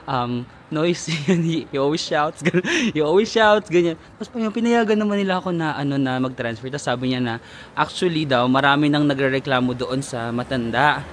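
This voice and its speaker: A Filipino man vlogs from a handheld phone outside in a town in winter, spinning a playful bit of gossip and slipping into English. His voice is a little high with lively intonation at a normal speed. Faint street sounds can be heard.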